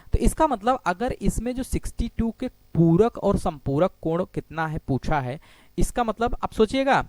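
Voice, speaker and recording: High-voiced man teaching geometry. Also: darkish tone, dry recording. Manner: asks the class questions and answers them himself; repeats "ठीक है" often while explaining on a board. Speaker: maths teacher. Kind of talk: exam-prep geometry lecture.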